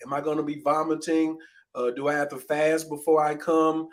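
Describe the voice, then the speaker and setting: A man's voice: fairly high pitch, level tone, normal speed. A man hosting a casual livestream, easygoing and greeting viewers in the chat. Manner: easygoing, gives viewers shout-outs. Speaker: host.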